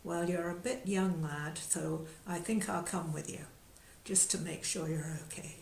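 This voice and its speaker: A woman's voice: fairly low pitch, steady tone, unhurried, gravelly, darkish tone, echoey room, a little hiss or hum. A woman voicing a legendary old king in a storytelling talk, chummy and fatherly. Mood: musing.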